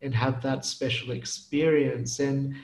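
A man's voice: mid-range voice, little pitch movement, a little slow, darkish tone, roomy sound. A man hosting a casual podcast interview, enthusiastic and affirming in a chatty way. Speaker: podcast host.

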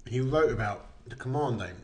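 A man's voice: medium pitch, expressive, fairly quick. Blokey Essex man chatting on a podcast. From Essex, England. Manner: blokey, bantering. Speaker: podcast host. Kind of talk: casual podcast chat. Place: echoey open-plan kitchen lounge at home.

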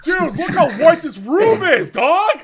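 A man putting on the voice of a brash, over-the-top male vlogger, loud and hyped. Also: very high-pitched, very animated, takes it slowly, over a noisy crowd, voice pushed up, heavily acted.

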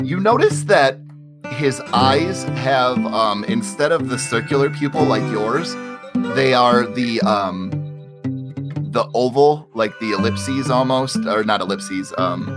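A man narrates a tabletop game as its game master, slowly and with frequent pauses and restarts. His voice moves up and down with life. Guitar music plays behind him. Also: mid-range voice, lively intonation. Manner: hesitant, many restarts.

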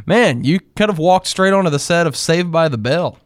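A man's voice: a little high, lively intonation, moderate pace, no room sound, clean studio sound. A man hosting a podcast in a casual, jokey, chatty way. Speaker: podcast host. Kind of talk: casual interview chat.

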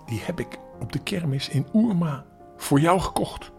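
An older man voicing a kindly, playful carter in a children's story, speaking in a teasing, lively way. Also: a little high, normal speed, creaky, soft background music, pitched above the performer's own voice. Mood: proud. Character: kindly broad-backed carter, playful and secretive.

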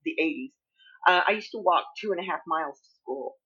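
A woman's voice: on the low side, lively intonation, fairly quick, a bit bright, breathy edge, lo-fi sound. A woman with a Southern accent from Appalachia, a writer telling stories in a casual conversation with many restarts and laughs. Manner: chatty storyteller, laughs often, many restarts. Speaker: guest writer.

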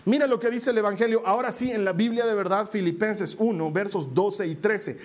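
Give me a high-pitched man preaching a sermon, speaking straight to his congregation. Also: fairly quick. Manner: teaching, addresses the congregation directly, acts out quotes.

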